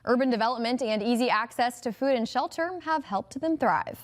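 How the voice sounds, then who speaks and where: Female TV anchor, slightly high-pitched, brisk and upbeat scripted delivery. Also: expressive. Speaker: news anchor. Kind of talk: scripted news reading.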